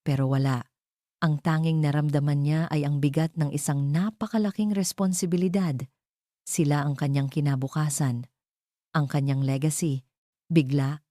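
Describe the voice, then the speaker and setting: A woman with a Filipino accent tells a scripted, dramatic story in a storyteller's manner. Her voice sits low and sounds mellow, captured in a dry, studio-quality recording.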